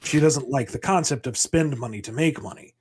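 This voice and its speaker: A man's voice: mid-range voice, fairly quick, darkish tone, slight background noise. A man in casual podcast chat, playfully riffing on comic scenarios as a co-host.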